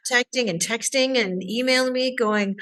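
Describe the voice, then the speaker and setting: A woman's voice: mid-range voice, a little slow, a bit bright. Enthusiastic woman relationship coach. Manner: enthusiastic, acts out clients' voices. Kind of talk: interview answers.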